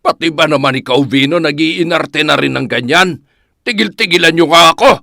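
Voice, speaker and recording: A voice actor playing a gruff, impatient wealthy landowner with a scolding, irritated way of talking. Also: mid-range voice, normal speed, pushed and bright, no room sound, studio quality.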